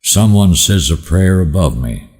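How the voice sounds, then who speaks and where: Deep cowboy-drawl man reciting in a hall. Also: animated, a little mellow. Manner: halting, repeats words as he recites. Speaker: cowboy poet. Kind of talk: dramatic recitation of rhyming cowboy poetry. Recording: echoey hall with long reverb.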